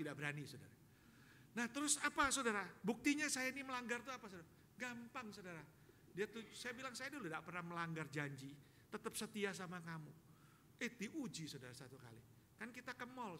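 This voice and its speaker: A middle-aged man preaching a sermon in a church, moving between quiet asides and loud exclamations and telling humorous anecdotes to the congregation. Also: high-pitched, slight background noise. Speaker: pastor. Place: church sanctuary. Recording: live church hall with long reverb.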